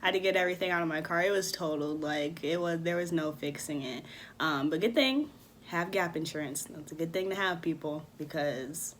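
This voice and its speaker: Young woman telling an animated storytime. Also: fairly low pitch, a little hiss or hum. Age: 20s. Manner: animated, acts out quoted people. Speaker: vlogger. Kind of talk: casual storytime. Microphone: phone camera.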